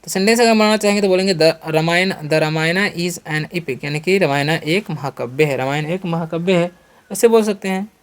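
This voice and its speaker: A man with an Indian accent teaching English vocabulary in a lesson, repeating each question and answer and reading example sentences slowly and deliberately. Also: high voice.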